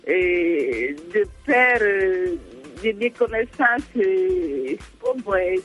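A woman's voice: medium pitch, big pitch swings, extremely slow, a bit bright, lo-fi sound, faint music behind. A woman as a radio guest, speaking casually with many hesitations.

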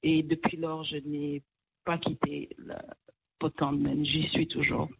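A woman from Congo, a guest on a radio interview, talking calmly and candidly with some stumbling restarts. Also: sits low, takes it slowly, gravelly. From Democratic Republic of the Congo. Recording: dull remote line with faint noise.

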